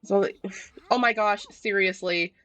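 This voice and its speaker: A woman's voice: medium pitch, fairly even intonation, measured pace, a bit bright, faint music behind. A young woman streaming a game, telling stories in casual rambling chat with lots of fillers and restarts. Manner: chatty storytelling, many fillers and restarts, laughs often.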